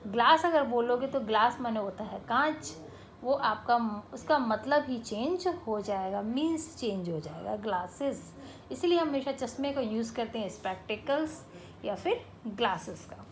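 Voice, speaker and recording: Echoey higher-voiced woman teaching grammar. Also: expressive, measured pace. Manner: explains step by step, mixing English terms into Hindi, with frequent "right?" checks. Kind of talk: classroom grammar lesson. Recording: echoey room with faint ambient noise.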